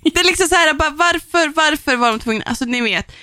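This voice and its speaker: Ranting young woman, high voice. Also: bright, forceful tone, dry recording. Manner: profane, exasperated ranting with laughter. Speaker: podcast co-host. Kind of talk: casual chat about books.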